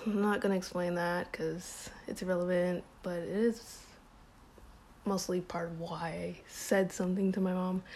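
A young woman telling a personal story in a relaxed, casual vlog style. She fills her speech with "like" and small laughs, and says she feels a little sick and hot. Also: fairly low pitch. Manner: relaxed, heavy use of "like", frequent small laughs. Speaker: vlogger.

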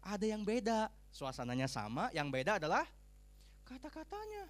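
A man preaching a sermon, humorous and animated, acting out what people say. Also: high voice, moderate pace. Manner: humorous, animated, acts out quoted speech. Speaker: pastor.

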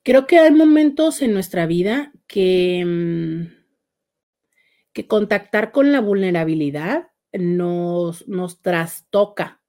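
Reading out viewer comments in a playful, sarcastic way, this Mexican woman, a couples therapist, keeps a live stream casual and laughs a lot. Her voice is on the low side, mellow and expressive, with a slow pace.

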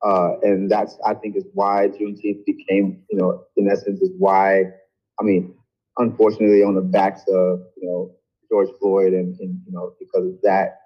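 A man with a lowish voice comes through a poor, muffled online call with dull, lo-fi sound. He talks in a hesitant, casual way, piling up fillers and restarting his sentences. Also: completely flat delivery, normal speed. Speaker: discussion participant. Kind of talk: casual group discussion.

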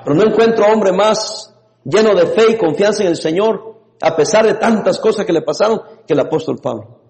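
A man preaching a lively sermon as a pastor, laughing now and then and breaking into sudden shouts. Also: sits high, normal speed. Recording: long reverb in a hall.

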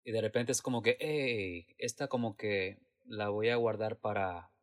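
Soft-spoken man in a hesitant interview. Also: on the low side, a little slow. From Latin America. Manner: reflective, hesitant with many restarts and fillers. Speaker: theater actor and producer. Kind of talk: casual interview answers.

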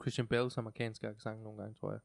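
Animated young Danish-speaking man, dry mic. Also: lowish voice, vocal fry, no room sound. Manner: animated, stumbling restarts, mixes English into speech. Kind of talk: casual chat.

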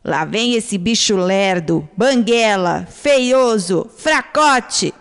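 A woman's voice: mid-range voice, lively intonation, extremely slow, clear, resonant tone. A woman voicing a jeering boastful jaguar. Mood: mocking. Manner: taunting, jeering. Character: boastful mocking jaguar, proud and loud. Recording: long hall reverb.

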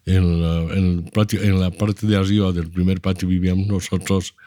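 A very low-pitched man in his seventies speaks with a Bolivian Spanish accent. He explains things at length in a measured, lecturing manner. The recording is close and dry. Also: little pitch movement, dark tone, dry recording. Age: 70s. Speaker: interview guest, architect. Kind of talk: reflective storytelling.

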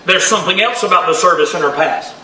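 A pastor preaching a fervent revival sermon in a church, often shouting. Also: male voice, high-pitched, quick pace, crowd noise. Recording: echoey church from far off.

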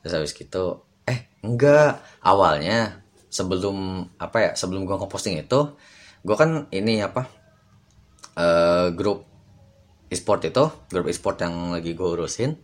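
A man's voice: sits low, normal speed, pauses often. A young man telling a personal story in a casual, rambling podcast monologue full of fillers. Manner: rambling, many fillers, slangy. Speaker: podcast host.

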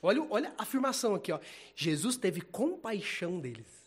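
A man preaching an informal sermon in a casual, animated, slangy way, laughing often. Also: sits high, a little fast, slightly rough.

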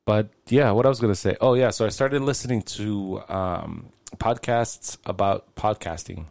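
A man's voice: fairly low pitch, moderate pace, a little mellow, dry recording. A man in his late forties hosting his own podcast, talking alone in a rambling, casual way and swearing freely. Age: 40s. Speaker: podcast host. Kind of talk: casual solo podcast monologue.

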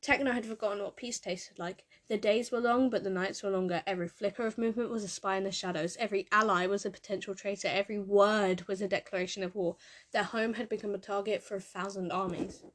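Woman reading a story aloud. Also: medium pitch. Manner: measured, expressive storytelling. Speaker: narrator. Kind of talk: fan fiction reading.

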